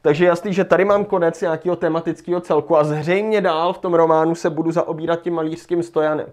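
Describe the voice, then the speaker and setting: A man's voice: on the high side, steady tone, darkish tone. A man leading a livestreamed lesson, thinking aloud as he rereads passages and works through an exam task. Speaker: Czech language teacher.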